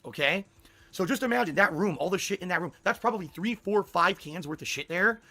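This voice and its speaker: A man with a hoarse voice, talking casually and emphatically to a livestream audience in a monologue. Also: sits high, expressive, brisk, pushed and bright. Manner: profane, emphatic venting.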